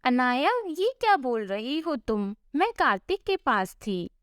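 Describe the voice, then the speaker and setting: A woman's voice: sits high, big pitch swings, measured pace, a bit bright, no echo, clean studio sound, full character voice. A woman playing a meek, polite young daughter-in-law. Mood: hurt. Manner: polite, anxious.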